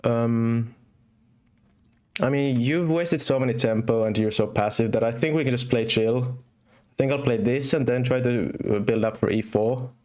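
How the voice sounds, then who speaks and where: A young man from Finland comments on his chess game while he chats. His English carries a Finnish accent that mixes in British and American English. His voice sits at an ordinary pitch, and he thinks aloud with many fillers and restarts. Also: steady tone, moderate pace, a little mellow. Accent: Finnish, with British and American English mix. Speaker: chess streamer. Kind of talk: casual live-stream commentary.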